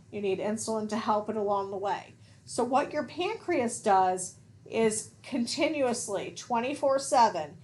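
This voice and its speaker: A woman nursing instructor giving a recorded lecture in a casual teaching manner, often checking in with "okay?". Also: fairly high pitch.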